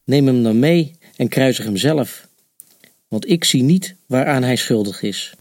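Actor as Pilate: firm, questioning Roman governor, dry recording. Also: male voice, medium pitch, lively intonation, measured pace, darkish tone, dry recording. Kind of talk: dramatized Bible reading.

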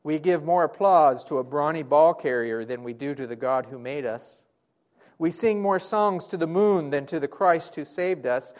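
Guy preaching a sermon, kinda high voice, lots of rhetorical questions, goes loud then real quiet. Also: moderate pace. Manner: rhetorical, building questions and repeated phrases; dramatic swings between loud and hushed. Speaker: pastor.

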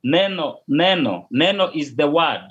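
In a call interview recorded with dull lo-fi sound, a Kenyan pastor whose first language is Luo gives hesitant answers, often going back to repeat or restart words. He speaks a little slowly in an animated, fairly high-pitched voice with a fairly bright tone.

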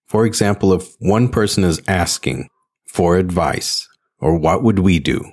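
A man hosting a solo podcast, speaking in an earnest, deliberate way with emphatic phrasing, as in a prepared talk. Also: low-pitched, a little mellow. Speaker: podcast host, interpreter.

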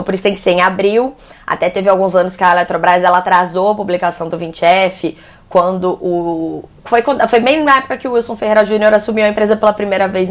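A woman journalist with a Brazilian accent, explaining energy sector news in a conversational way with frequent fillers and restarts. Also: mid-range voice. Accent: Brazilian Portuguese. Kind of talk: news commentary.

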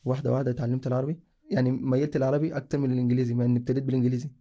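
Rapid-talking young man from Sudan. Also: medium pitch, flat delivery, dark tone. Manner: rambling, casual, with self-corrections. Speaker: guest sharing a personal story. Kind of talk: casual personal storytelling.

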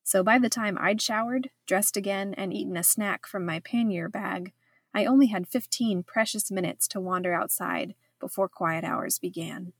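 A woman's voice: mid-range voice, normal speed, no echo. Woman narrating a memoir, wry and reflective. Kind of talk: scripted first-person narration.

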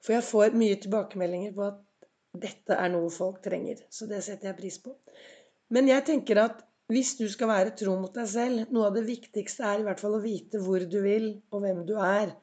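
A woman hosts a motivational podcast, telling stories and posing reflective questions to her listeners. Slightly hoarse from a cold, her medium-pitched voice stays steady and mellow.

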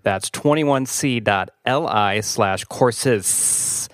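In studio-quality audio with no echo, a male podcast host on an education show poses rambling questions, restarting often, and then delivers a promo read. He speaks extremely slowly in a fairly low pitch.

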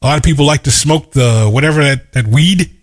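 On the high side and fairly quick, the voice belongs to a middle-aged motivational speaker. In his emphatic monologue, he tells stories and keeps returning to his main points.

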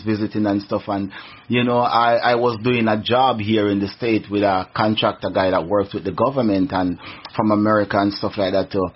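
This radio guest, a middle-aged Jamaican man raised speaking Jamaican Patois, recounts his experience earnestly in a relaxed interview, frequently restarting his thoughts. He has a Jamaican accent and a low, breathy voice, heard through a muffled recording.

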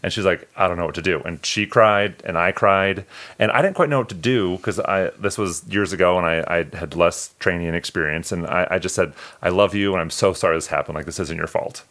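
Deep-voiced man telling earnest stories. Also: a little fast, fairly bright tone. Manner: earnest, heartfelt storytelling. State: emotional. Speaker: podcast co-host. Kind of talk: casual podcast chat.

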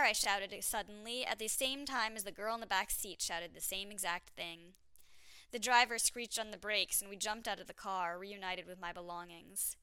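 A woman's voice: medium pitch, pushed and bright, smooth, dry recording. A woman narrating her own travel story in a candid, wry, self-mocking way.

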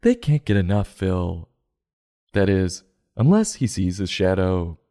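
A man's voice: deep voice, sing-song, a little slow, dark tone. A man hosting a comedic review show, narrating and commenting in an irreverent, sarcastic, profane way.

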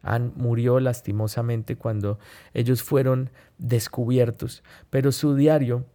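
A man hosting a podcast, telling a story, often pausing on "eh" and correcting himself. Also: mid-range voice, flat delivery, dark tone. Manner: unhurried, with frequent "eh" fillers and self-corrections. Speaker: podcast host. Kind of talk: reflective storytelling monologue.

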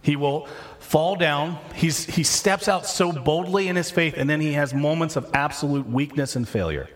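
A man's voice: on the high side, normal speed. A man preaching a sermon, talking through scripture casually and often restarting his sentences. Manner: conversational, self-correcting, talks through scripture casually. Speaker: pastor.

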